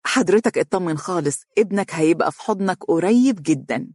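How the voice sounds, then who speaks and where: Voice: mid-range voice, racing, a little mellow, dry recording, studio quality, natural voice. A narrator voicing a scheming, haughty young woman lawyer in Egyptian Arabic for an audiobook. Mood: smooth. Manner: smooth, confident, haughty.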